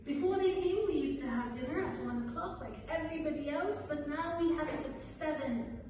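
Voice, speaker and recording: A woman's voice: high voice, moderate pace, dark tone, natural voice. A woman reading a stage play from a script as a grumbling old household nurse, scolding and exclaiming theatrically. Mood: indignant grumbling. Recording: echoey hall from far off, clear background noise.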